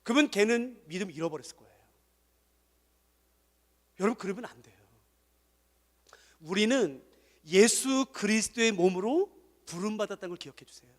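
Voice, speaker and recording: A man with a very high, lively voice preaching to a congregation, rising to loud exhortation and then dropping to soft asides. His words ring out with a long reverb in a large church hall. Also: normal speed, long pauses. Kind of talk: emotive sermon.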